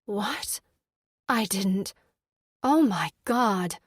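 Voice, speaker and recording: A woman voicing a young human mother who is warm, lively and quick to speak her mind. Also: fairly high pitch, no room sound, studio quality, close to an everyday voice. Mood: gentle.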